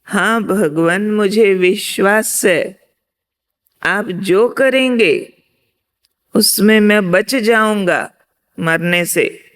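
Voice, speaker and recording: A woman's voice: medium pitch, extremely slow, long pauses, a bit bright, voice pushed up. A woman playing a desperate man hanging from a branch over a ravine, pleading and crying out for help in a story.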